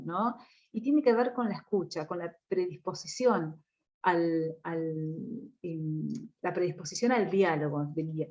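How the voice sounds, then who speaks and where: A woman's voice: mid-range voice, a little mellow. A woman giving a recorded course lecture, explaining step by step with frequent tag questions and hesitant fillers. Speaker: course instructor. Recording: dull lo-fi audio.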